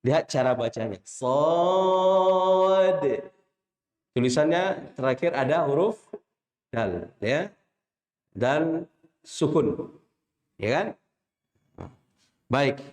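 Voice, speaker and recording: Slow Indonesian man teaching recitation. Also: a little high, animated, echoey room. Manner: drills letters slowly, checks students with short questions; chants drawn-out letter names when demonstrating. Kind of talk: classroom lesson with call-and-response recitation.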